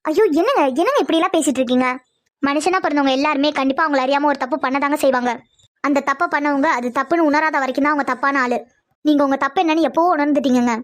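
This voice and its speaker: A woman voicing the wife and mother in an animated family drama, speaking in a pleading, soothing way. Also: high-pitched, fast talker. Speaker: cartoon voice artist voicing the women of the family.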